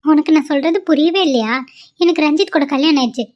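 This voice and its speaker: A woman voicing a devoted young wife for a cartoon, insistent and pleading. She talks high and fast, and the recording is dull and lo-fi. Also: natural voice. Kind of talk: cartoon voice acting.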